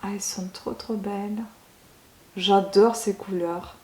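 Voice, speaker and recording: A woman unboxing beauty products at home in a casual vlog, gushing over each item and pausing often with filler sounds. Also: medium pitch, steady tone, darkish tone, reverberant. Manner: gushing, keeps saying she loves it; hesitant, many filler sounds. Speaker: beauty vlogger.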